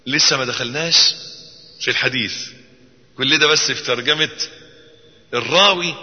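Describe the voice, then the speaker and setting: A man preaching a sermon in an Egyptian Arabic accent, swinging between hushed low passages and loud, high, drawn-out emotional outbursts. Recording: long reverb hall, dull lo-fi sound.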